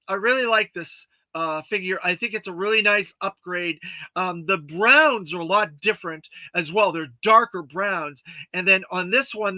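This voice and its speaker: Bright, high-voiced male toy show host. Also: no echo. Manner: halting, lots of uh and um fillers; friendly and earnest, thanks viewers often. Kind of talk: casual livestream chat reading viewer comments.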